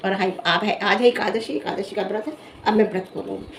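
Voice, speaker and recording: A young woman vlogger reviewing social media drama delivers an animated, scolding rant to camera. Her medium-pitched voice is emphatic and a little fast, with a little hiss or hum in the recording.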